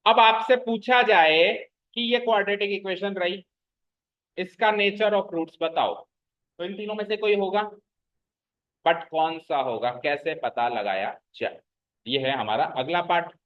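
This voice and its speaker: A man with a high-pitched voice teaches a class, explaining step by step and repeating the key terms. He keeps stopping to check that the students follow. The recording sounds dull and lo-fi. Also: unhurried. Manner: checks understanding with frequent questions to the class. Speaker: maths teacher. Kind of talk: classroom lecture.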